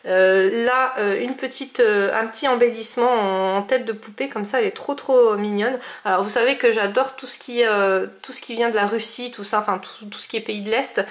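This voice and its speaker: A woman's voice: on the high side, fairly even intonation, fairly quick, hardly any pauses. A woman chatting casually about the crafting mail she received, with many fillers and restarts. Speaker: scrapbooking vlogger. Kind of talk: casual chat showing mail.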